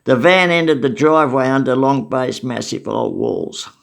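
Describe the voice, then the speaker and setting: An older Australian man tells memories from his past in a wry, matter-of-fact, casual way, like a spoken memoir. His gravelly voice is mid-range, and he keeps a moderate pace.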